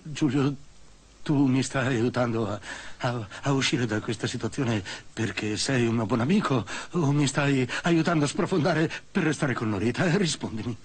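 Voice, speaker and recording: An actor playing a jealous, unstable older husband in a dubbed telenovela, stammering and swinging between pleading and outbursts. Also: male voice, mid-range voice, moderate pace, slightly rough, lightly acted. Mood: agitated.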